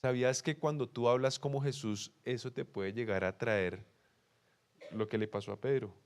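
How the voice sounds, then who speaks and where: Colombian pastor guy w bogotá accent, lively sermon, keeps quizzing the crowd. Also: medium pitch, moderate pace, clear, resonant tone. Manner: animated, asks the congregation questions, acts out quoted excuses.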